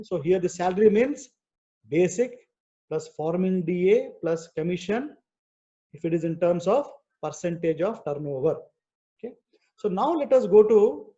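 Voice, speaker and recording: A man's voice: high-pitched, animated, normal speed, pauses often, warm tone. A man with an Indian accent teaching an online class, explaining worked problems step by step in a didactic, repetitive way. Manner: didactic, repetitive, frequently checking with "okay". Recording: dull, muffled video-call audio.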